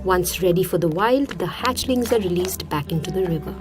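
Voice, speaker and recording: A woman's voice: on the low side, lively intonation, brisk, over music. A woman reading scripted narration for a nature documentary, as its narrator.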